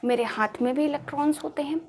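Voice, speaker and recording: High-voiced woman teaching a class. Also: fast talker, darkish tone, a little hiss or hum. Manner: repeats key terms as questions, calls students "beta". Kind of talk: classroom lecture. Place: classroom with a board.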